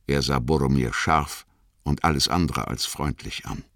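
A man reading a fantasy audiobook as narrator, expressive and dramatic. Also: a bass voice, moderate pace, vocal fry, no echo, clean studio sound. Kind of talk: scripted narration.

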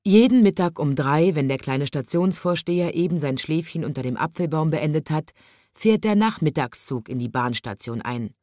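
A woman reading a children's story aloud in a calm, expressive storytelling manner, close to the microphone. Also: low-pitched, normal speed, dry recording.

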